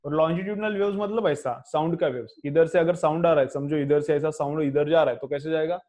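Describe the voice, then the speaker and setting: A man with an Indian English accent gives a classroom physics lecture, his voice sitting a little higher than most men's. He dictates headings word by word and keeps asking the class questions, then answers them himself. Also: quick pace, darkish tone. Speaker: physics teacher.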